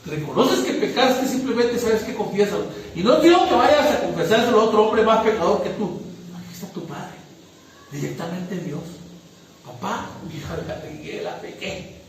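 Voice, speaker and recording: A man's voice: sits high, lively intonation, moderate pace, slight background noise. A man preaching a sermon, emphatic, often checking whether listeners follow. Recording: echoey room, distant mic.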